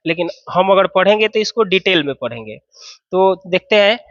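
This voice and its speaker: A man's voice: high voice, expressive, normal speed, a bit bright, no echo, muffled recording. A man teaching an English grammar lesson, explaining step by step and asking and answering his own questions.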